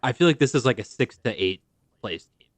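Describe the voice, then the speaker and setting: A man's voice: medium pitch, animated, brisk, dry recording. A man co-hosting a casual fantasy football podcast, teasing the others and laughing a lot. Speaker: podcast co-host. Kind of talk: casual chat.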